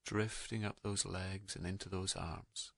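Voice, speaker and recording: Speaking in a low voice, a man guides a meditation softly and soothingly, letting calm, unhurried pauses fall between his gentle phrases. There's no room sound.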